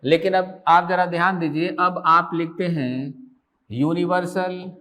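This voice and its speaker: A man teaches an online exam-prep grammar class in a high-pitched voice. He keeps firing questions at his students and answers most of them himself. He runs the lesson as a steady back-and-forth drill. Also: unhurried.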